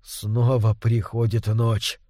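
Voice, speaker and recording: A man's voice: on the high side, animated, a little slow, darkish tone, dry recording, studio quality. A man voicing a desperate, anguished husband pleading for help against a vampire. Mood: weary. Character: desperate middle-aged man haunted by a vampire. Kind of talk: audiobook character reading.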